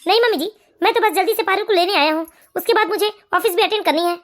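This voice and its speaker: A woman voicing a polite, reasonable young brother-in-law in an animated family story, reproaching calmly and courteously. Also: very high-pitched, fast talker.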